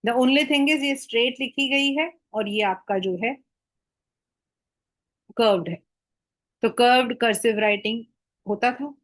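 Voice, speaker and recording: Slow, higher-pitched woman teacher. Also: rough recording. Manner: reads English textbook lines slowly, explains in Hinglish. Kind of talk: Hindi-English mixed classroom lecture.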